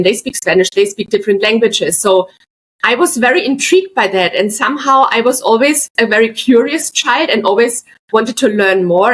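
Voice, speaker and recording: A middle-aged woman from Bavaria, Germany, whose first language is German, appears as an artist guest on a casual podcast. She's chatty, telling stories with frequent asides in a medium-pitched voice. The recording quality is rough.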